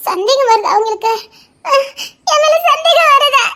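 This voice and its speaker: Frightened young woman for an audio drama a woman acts her: very high, bright, shaky and tearful. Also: moderate pace. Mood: tearful, scared. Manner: tearful, shaky, laughing through sobs. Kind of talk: Tamil serial-style audio drama.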